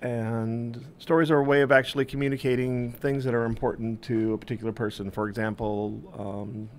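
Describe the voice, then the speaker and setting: A man's voice: medium pitch, flat delivery, fairly quick. A man from Southern California answering interview questions in a hesitant, thoughtful way. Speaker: guest writer. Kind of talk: casual interview.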